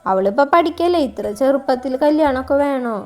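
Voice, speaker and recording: A gruff young man who distrusts women, as a woman narrator puts him on. His lines are curt and scolding, pitched on the high side. This is a storybook character voice. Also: expressive, a little fast, a little mellow, faint music behind.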